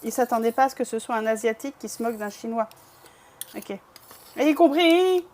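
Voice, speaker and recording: A woman's voice: on the high side, steady tone, racing, a little mellow. A woman from Bresse in eastern France chatting casually with her live-stream viewers, self-deprecating and talkative. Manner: chatty, self-deprecating, talks to chat while painting.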